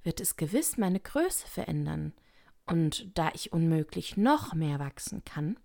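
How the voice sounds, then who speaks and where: A woman's voice: deep voice, sing-song, measured pace, creaky, dark tone, full character voice. A woman reading a curious young girl. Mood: musing. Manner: talking to herself. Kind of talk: audiobook reading.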